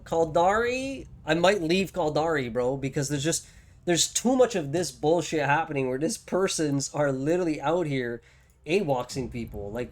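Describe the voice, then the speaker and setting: A young man streaming a game live, exasperated and swearing in slangy casual commentary. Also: on the high side. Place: home streaming setup.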